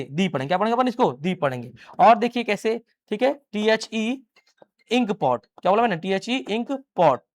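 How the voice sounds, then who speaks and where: In a live grammar class, a high-voiced male English teacher keeps posing questions to the students and supplying the answers on his own. Repetition is his method, with the same key phrases coming back again and again.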